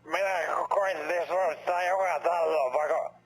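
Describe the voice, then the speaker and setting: An actor playing a gruff, cursing older villager calling on the phone in a game. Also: male voice, fairly high pitch, fairly even intonation, lightly acted. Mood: grumbling. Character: grumpy older male Finnish villager caller.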